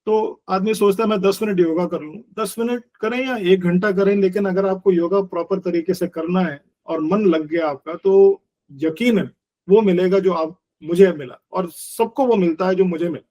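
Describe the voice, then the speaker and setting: Man in his sixties, yoga teacher, earnest explaining, high voice. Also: animated, normal speed, warm tone, highs cut off. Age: 60s. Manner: earnest, explanatory, mixes Hindi and English, uses everyday analogies. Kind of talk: conversational interview.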